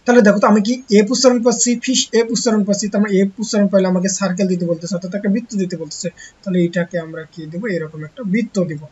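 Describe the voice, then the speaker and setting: A teacher gives an online textbook lesson to young pupils. The teacher asks rhetorical questions and answers them, slowly repeating key words. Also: mid-range voice, darkish tone, breathy edge, muffled recording.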